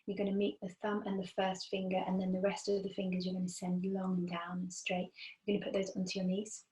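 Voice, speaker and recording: A woman with a mid-pitched voice leads a meditation in a gentle, soothing spiritual-guide manner. Her delivery is unhurried and stays very level in pitch. The recording is roomy, with clear echo around the voice. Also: completely flat delivery. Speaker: meditation teacher. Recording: roomy, echoing sound.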